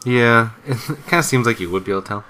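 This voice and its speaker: A man's voice: mid-range voice, quick pace, a crowd in the background. A young man co-hosting a casual podcast, rambling through a story with lots of fillers and restarts. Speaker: podcast co-host.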